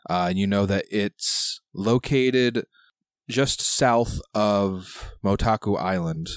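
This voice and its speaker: A man working as game master, improvising narration in a halting, conversational way. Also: lowish voice, no room sound. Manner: halting, conversational phrasing with repeated "like".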